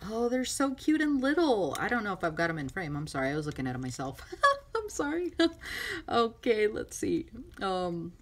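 A middle-aged woman crafting vlogger gushing excitedly over a mail swap, chatty and full of fillers. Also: medium pitch, moderate pace. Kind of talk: casual unboxing chat. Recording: noisy room with crinkling and clicks.

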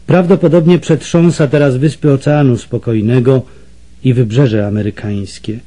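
A man narrating an adventure novel as an audiobook reader, telling it in an expressive storytelling manner. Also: mid-range voice, normal speed. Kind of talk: scripted narration.

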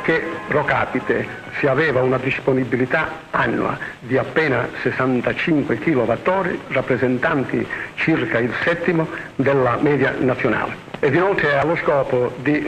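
A man's voice: mid-range voice, normal speed, fairly bright tone. A man giving a formal, prepared explanation as an official in an old 1950s film. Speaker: electricity agency official. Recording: reverberant 1950s film sound, faint music.

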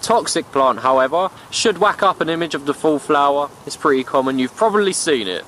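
A man's voice: a little high, expressive, brisk, fairly bright tone, a little hiss or hum. A young man from the UK narrating a bushcraft trip outdoors in a playful, slangy way. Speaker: bushcraft vlogger. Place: outdoors in woods and meadow.

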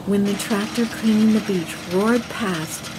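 A woman reads a nature documentary script in a calm, measured voice at a middle pitch. Her delivery is gentle and steady, with a faint low rumble under the recording. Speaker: documentary narrator.

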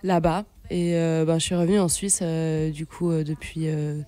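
A singer-songwriter in her late 20s, from Switzerland and raised in Brazil as a teenager, chats casually as a guest in a radio studio, searching for her words. Her low voice is mellow and flat, at a moderate pace, recorded close on a stand mic with no room sound and faint music behind.

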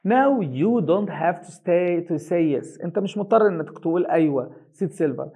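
Man, Egyptian accent, English teacher, high voice, slow English reading, quick Arabic translation. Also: animated, mellow, slightly rough. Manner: reads English slowly and carefully, then translates briskly in colloquial Arabic. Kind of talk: reading an English reader aloud line by line and translating it.

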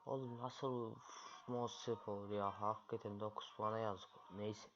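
A man's voice: on the low side, fairly even intonation, measured pace. A man commentating his own online chess games, grumbling and muttering in frustration at his opponent. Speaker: chess streamer. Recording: lo-fi, loud background noise.

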